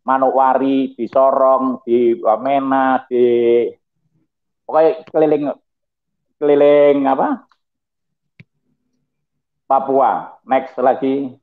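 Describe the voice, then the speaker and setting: A middle-aged man, a pastor giving his testimony in a lively, preachy way with chuckling asides. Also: mid-range voice, takes it slowly, long pauses. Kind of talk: testimony talk over slides. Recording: tinny phone-like audio.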